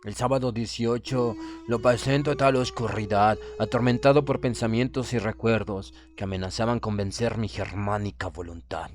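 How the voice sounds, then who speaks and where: A man narrates a literary horror tale for an audiobook, his delivery measured, formal and solemnly dramatic. His voice is lowish, with fairly even intonation.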